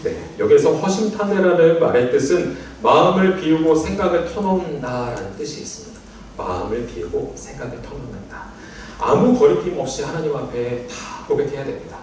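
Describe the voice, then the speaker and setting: A male pastor giving a sermon in a church, speaking in a gentle, conversational way and leading the congregation in readings. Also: on the high side, moderate pace, a little hiss or hum. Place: church sanctuary. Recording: very echoey church hall, mic at a distance.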